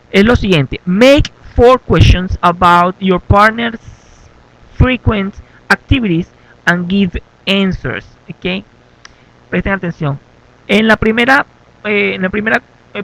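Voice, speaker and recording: A man's voice: sits high, low-quality recording. A man teaching an English lesson in Spanish, giving instructions step by step and checking in with "ok" again and again. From Venezuela. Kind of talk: classroom lesson.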